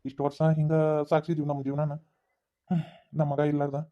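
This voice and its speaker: A man playing a sad village father in a cartoon, with a North Karnataka accent, speaking slowly. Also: a little high, close to an everyday voice. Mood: sorrowful. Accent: North Karnataka Kannada. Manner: slow, flat and sorrowful. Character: middle-aged village father, sad and confessing. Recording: tinny phone-like sound.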